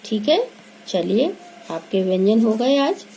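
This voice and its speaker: A woman's voice: on the high side, sing-song, slow pace, mellow, slight background noise. A woman teaching pronunciation, patiently sounding out letters one by one and checking that her listeners have understood. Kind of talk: Hindi pronunciation lesson.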